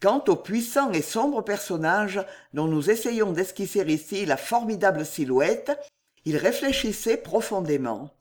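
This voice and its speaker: A reader narrating a historical novel as an audiobook in an expressive storytelling way. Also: medium pitch, unhurried.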